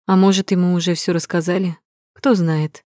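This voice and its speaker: A woman's voice: lowish voice, flat delivery, moderate pace, dark tone, no echo. A woman narrating a romance novel in the first person, reading expressively and dramatically on a close mic. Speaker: audiobook narrator.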